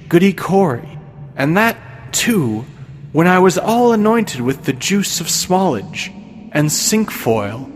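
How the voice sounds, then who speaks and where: The devil in the shape of an older traveler, as a male reader plays him, sly and mocking in archaic speech. He talks slowly and smoothly, and a long reverb hangs on every word. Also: fairly high pitch, pitched above the performer's own voice, exaggerated voice.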